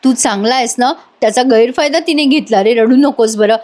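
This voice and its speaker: A woman's voice: on the high side, a little fast, darkish tone, lightly acted. A woman voicing a grown man, a caring older brother who coaxes and pleads with affection. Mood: comforting. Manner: coaxing, affectionate, emotional.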